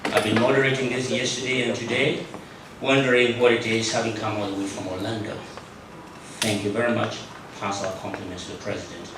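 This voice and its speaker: Courteous low-voiced man, echoey hall. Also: level tone, brisk. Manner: courteous and formal. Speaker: conference moderator. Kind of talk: formal thanks. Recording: echoey hall, distant mic, noise.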